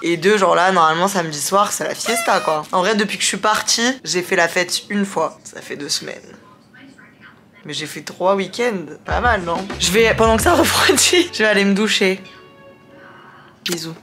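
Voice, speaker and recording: A woman's voice: medium pitch, lively intonation, normal speed, fairly bright tone, soft background music. A young adult woman talking casually to a handheld camera, chatty and playful with self-mocking asides, from city streets and a hotel room. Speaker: travel vlogger. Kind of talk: casual vlog talk to camera. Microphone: handheld vlogging camera.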